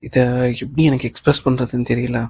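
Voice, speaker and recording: A man's voice: medium pitch, flat delivery, quick pace, creaky, warm tone, breathy edge. A man reading a nervous, grateful young woman. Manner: names the speaker before each line. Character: young woman employee, anxious and overjoyed. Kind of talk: audiobook reading of a novel.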